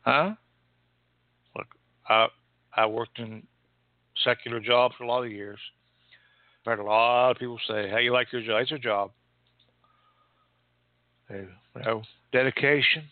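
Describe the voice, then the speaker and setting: A male pastor preaching a sermon, rising and falling sharply in pitch and loudness. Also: fairly even intonation, measured pace, pauses often, no room sound. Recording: tinny phone-like sound.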